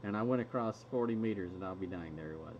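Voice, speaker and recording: A man's voice: low-pitched, fast. A man hosting a radio hobby stream, chatting casually and laughing often between stories. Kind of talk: casual chat. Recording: muffled lo-fi recording, faint hiss.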